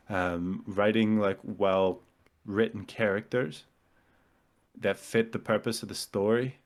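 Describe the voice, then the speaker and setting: Low-voiced man explaining films at length. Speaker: podcast co-host. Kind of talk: casual chat.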